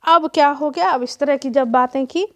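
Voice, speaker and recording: A woman teacher who chants lines of verse in a slow rhythm and then explains them line by line to students. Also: high-pitched. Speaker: Hindi teacher.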